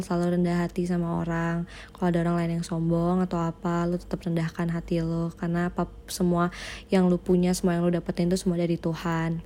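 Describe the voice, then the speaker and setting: A woman's voice: fairly low pitch, warm tone. A teenage girl with a Jakarta Indonesian accent giving a casual, personal greeting to a friend, slangy and mixing in English. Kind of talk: casual personal video message.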